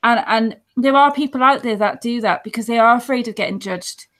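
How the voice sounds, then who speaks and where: A woman with a high-ish, fairly bright voice talks briskly as a guest on a support show. Calling in by video from a dim room at home on an earphone headset, she chats earnestly, rambling and restarting as she tells stories.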